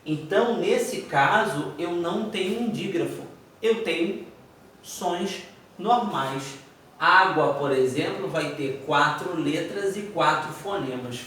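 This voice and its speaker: A man teaches a phonetics lesson at an unhurried pace, counting out letters and sounds aloud. His voice is high and bright. He stands a little off the mic in a strongly echoing room. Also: animated, recorded from a distance, a little hiss or hum. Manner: spells out words slowly, counting letters aloud; asks himself students' questions. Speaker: Portuguese teacher. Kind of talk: video lesson explaining phonetics.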